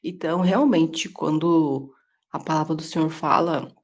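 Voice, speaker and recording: A woman's voice: low voice, unhurried. A woman with a Brazilian Portuguese accent sharing an earnest personal testimony in a casual Bible study, speaking over a video call from home. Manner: earnest, confessional, many tag questions. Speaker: Bible reading group participant.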